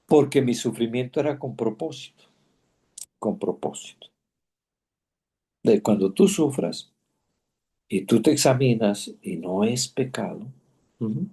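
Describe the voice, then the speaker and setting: A man speaks in a warm, mellow voice. He teaches a Bible class, telling his own story earnestly, pausing and repeating phrases as he goes. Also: medium pitch, lively intonation. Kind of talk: personal testimony in a class.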